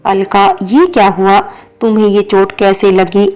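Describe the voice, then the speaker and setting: A woman voicing an apologetic male office boss in a storybook reading, speaking in a gentle, pleading way. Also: medium pitch, little pitch movement, measured pace, close to an everyday voice.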